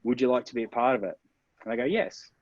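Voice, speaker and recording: A man's voice: mid-range voice, fast, dry recording. A man answering interview questions as a marketing expert, explaining step by step in an upbeat way and stressing key words. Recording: dull, dry lo-fi sound.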